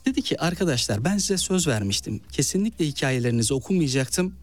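A man's voice: a little high, fast, soft background music. A man from eastern Turkey with an eastern Turkish accent, a novelist and actor telling stories in an interview and acting out quoted speech. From Malatya, eastern Turkey. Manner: animated storyteller, acts out quoted speech. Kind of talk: interview storytelling.

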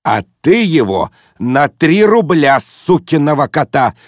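A man voicing a grumpy old father with a bandaged head who talks gruffly, sighing and groaning. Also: mid-range voice, lively intonation, a little slow, no echo, studio quality, pitched above the performer's own voice.

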